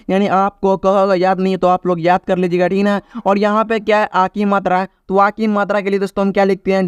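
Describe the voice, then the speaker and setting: High, steady-voiced male teacher. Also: clean tone, no room sound, studio quality. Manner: repetitive, keeps asking "ठीक है ना?"; stretches vowel sounds to demonstrate them. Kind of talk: classroom-style video lesson.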